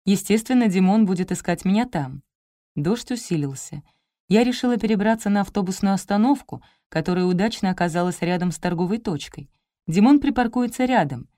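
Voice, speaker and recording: A woman narrating a comic detective audiobook in the first person, lively and expressive, on a close studio mic. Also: medium pitch, fairly quick, no echo.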